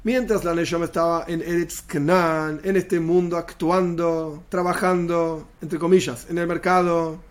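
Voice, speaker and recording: A Torah teacher with a fairly high voice gives a lesson at a measured pace, with a flat delivery and few pauses. He explains Hebrew terms by repeating each one and then glossing it in plain Spanish.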